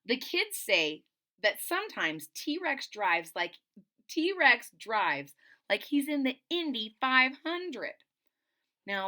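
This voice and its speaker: In a small room at home, a middle-aged woman reads a picture book aloud to children, expressive and dramatic, pausing for explanatory asides. Her voice is medium-pitched, bright and forceful.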